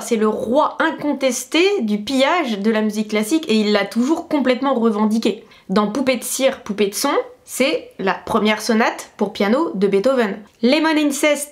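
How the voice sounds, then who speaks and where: A chatty woman with a slightly high voice hosts her own music vlog. She is a classical pianist who explains things in an emphatic, casual way and pauses often on small hesitations. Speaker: classical pianist and video host.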